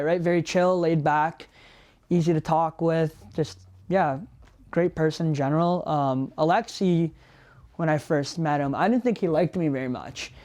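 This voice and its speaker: A young man from Ontario, talking about his housemates in a documentary interview, in a loose way with many fillers. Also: on the high side. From Ontario, Canada. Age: young adult. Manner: relaxed, talks with many fillers.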